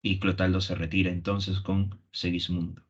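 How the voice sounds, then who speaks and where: A man's voice: low-pitched, little pitch movement, moderate pace. A man with a Peruvian Spanish accent, a literature teacher retelling a play for students and acting out its lines. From Peru. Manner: acts out quoted lines, tag questions. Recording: dull lo-fi recording.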